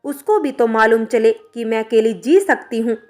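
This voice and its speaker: A woman voicing a headstrong young wife who shouts and argues defiantly. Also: a little high, normal speed, faint music behind, natural voice. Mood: furious.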